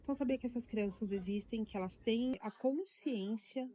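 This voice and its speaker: A mother speaking in a documentary interview, giving a calm, matter-of-fact account. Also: a little high, normal speed, husky. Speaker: parent interviewee.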